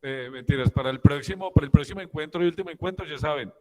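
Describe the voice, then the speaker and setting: A man's voice: on the high side, quick pace, noisy background. A man leading a class, thanking a guest speaker with many fillers and a joking aside. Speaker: course instructor. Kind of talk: class wrap-up. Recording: tinny phone-like line.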